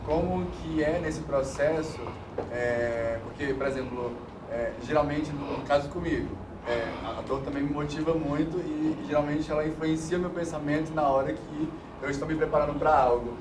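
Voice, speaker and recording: A man's voice: on the high side, fairly even intonation. Man, hesitant questioner, distant mic, echoey noisy room. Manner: hesitant, many filler pauses. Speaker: course participant asking questions. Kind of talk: casual questions. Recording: roomy, distant, noisy classroom.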